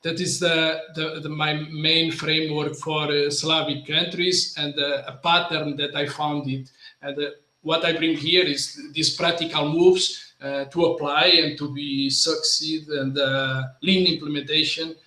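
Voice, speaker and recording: A man from Portugal, a guest in a casual interview, speaking halting English and searching for his words. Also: fairly high pitch, little pitch movement, sharp tone. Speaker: guest, lean consultant. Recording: roomy echo.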